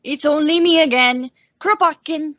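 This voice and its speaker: A woman's voice: high voice, moderate pace, fairly bright tone, dry recording. A woman playing a polite, droll professor neighbour who delivers dry jokes in an old-time radio comedy. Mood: courteous. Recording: dull, lo-fi, dry audio.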